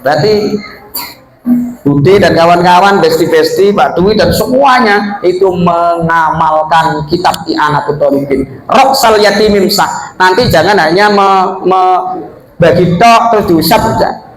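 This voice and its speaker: High-voiced preacher. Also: male voice, a little slow, faint music behind. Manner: lively, jokey, mixes local words and Arabic. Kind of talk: sermon. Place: prayer room with a gathered audience. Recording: echoey room with crowd.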